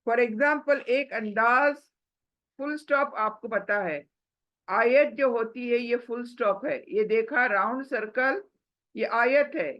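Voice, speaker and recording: A woman gives a recitation lesson at a very slow, deliberate pace. She speaks patiently and repeats and stretches words to show how they should sound. Her fairly high voice comes through a dull, lo-fi recording. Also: a bit bright. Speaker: Quran recitation teacher.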